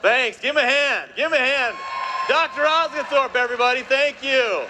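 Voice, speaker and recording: A man presenting on stage to a live audience, energetic and jokey, working the crowd with constant tag questions. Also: extremely high pitch, normal speed, background noise.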